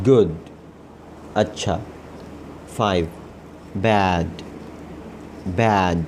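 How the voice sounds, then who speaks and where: A man whose first language is Urdu, teaching an English lesson. He repeats each word slowly several times and then gives its meaning. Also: on the low side, darkish tone, a little hiss or hum. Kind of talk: slow vocabulary and grammar lesson.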